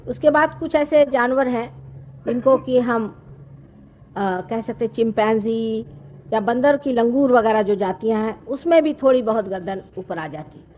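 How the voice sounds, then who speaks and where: A woman, giving a slow, explanatory spiritual discourse with pauses. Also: a little high, dark tone, lo-fi sound, a little hiss or hum. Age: 50s. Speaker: spiritual teacher. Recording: archival talk recording.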